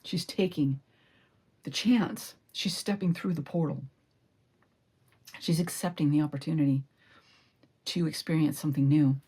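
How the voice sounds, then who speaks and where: A woman giving a solo tarot reading, reflective and lingering over each card, sometimes slipping into a breathy whisper. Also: low-pitched, a little slow, long pauses, mellow. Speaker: tarot reader.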